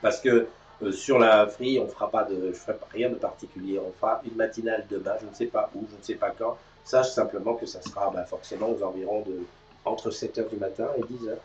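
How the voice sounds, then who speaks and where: A man's voice: lowish voice, fairly even intonation, fairly quick. A man hosting a live morning show, chatting casually and upbeat, announcing news and teasing his co-host. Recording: distant, roomy, dull sound.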